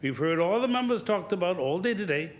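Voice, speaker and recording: A man's voice: high-pitched, expressive, a little fast, slight background noise. A man speaking formally as a member of parliament putting a motion. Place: parliament chamber. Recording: busy chamber with crowd murmur.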